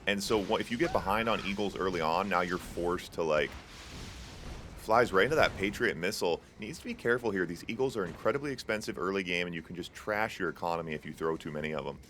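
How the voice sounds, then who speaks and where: A fast-talking young man with a low, fairly bright voice casts a strategy game for the tournament stream he hosts. Slight background noise is present, and his relaxed commentary is peppered with fillers and quips to chat.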